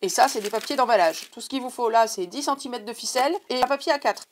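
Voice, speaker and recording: A woman's voice: fairly high pitch, fast talker, a little hiss or hum. A woman with a French accent, chatting casually to her viewers in a craft haul video, digressing often. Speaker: craft vlogger.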